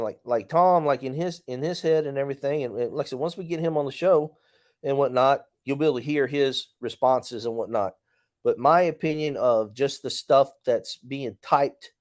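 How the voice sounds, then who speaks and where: A man hosting a casual podcast, thinking out loud in a loose, rambling monologue. He restarts his sentences, leans on fillers and talks bluntly, with the odd curse. His voice sits at an ordinary middle pitch. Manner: blunt, mildly profane. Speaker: podcast host.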